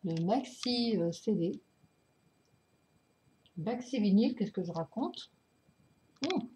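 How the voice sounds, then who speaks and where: A woman speaks slowly in a soft, mellow voice, full of fillers and little apologies as she shows off her records. She gets excited and laughs often, her voice drifting near and far from the camera mic. A faint hiss sits under the recording. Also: medium pitch. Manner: hesitant, many fillers and apologies. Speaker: record collector showing vinyls. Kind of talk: casual unboxing vlog.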